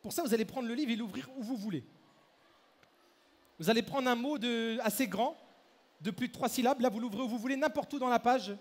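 A man performing a live mind-reading act, briskly directing the audience and volunteers on stage through a handheld microphone. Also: very high voice. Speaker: stage mentalist. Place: large hall at a fair. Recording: echoey hall, faint crowd ambience.

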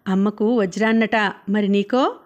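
A woman voicing an affectionate young husband in a storybook reading who speaks gently and teases playfully. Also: mid-range voice, fairly even intonation, measured pace, highs cut off, close to an everyday voice. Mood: teasing.

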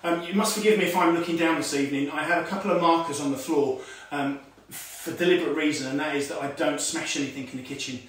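This online karate lesson comes from a forties-aged instructor at home who talks fast with hardly any pauses, in a high-ish, steady, fairly bright voice. He demonstrates moves while explaining them, calls out commands, and says "okay" often. The far camera on a stand picks him up from a distance in an echoey room with a tiled floor.

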